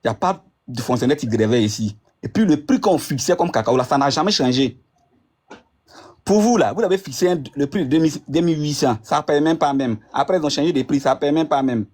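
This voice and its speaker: A man's voice: fairly high pitch, lively intonation, fast talker, darkish tone. Insistent man arguing politics. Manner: insistent, talks over opponent, repeats phrases. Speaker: debate participant. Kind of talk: heated political argument.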